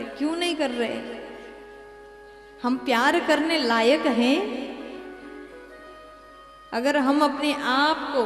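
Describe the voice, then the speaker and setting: A woman preacher telling a devotional story and urging her audience, in a slow teaching manner. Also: high voice. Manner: slow, preachy, addresses the crowd directly. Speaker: katha preacher. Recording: echoey hall with faint music.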